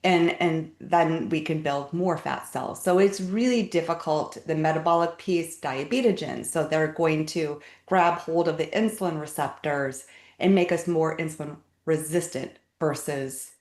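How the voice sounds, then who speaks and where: A middle-aged woman with a low voice explains things step by step as an interview guest, often repeating words along the way. The recording has a roomy echo around her. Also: a little slow, a little mellow. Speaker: guest health expert. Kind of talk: casual explanatory talk. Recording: echoey room.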